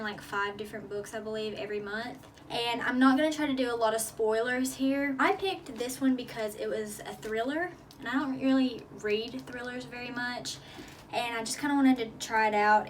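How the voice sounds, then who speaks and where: A young woman talks through a book review in a breezy, filler-laden vlog style, slightly short of breath. Her voice sits a little high and lands from a short distance off the mic. Faint room ambience hums behind her. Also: slight background noise. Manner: chatty, filler-heavy, upbeat. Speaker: book vlogger.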